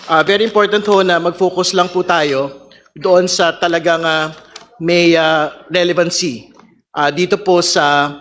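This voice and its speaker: A man with a Filipino accent and a fairly high voice. He questions formally as a congressman in a hearing, choosing his words deliberately and often halting between them. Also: a bit bright. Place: legislative hearing room, over microphone.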